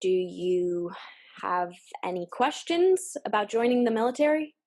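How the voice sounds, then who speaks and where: A jaded army recruiter, voiced by a woman, talks in a blunt, offhand way and drops sarcasm without blinking. Her voice sits at an ordinary middle pitch, with a plain indie audio-drama sound. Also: animated, a little slow, dark tone.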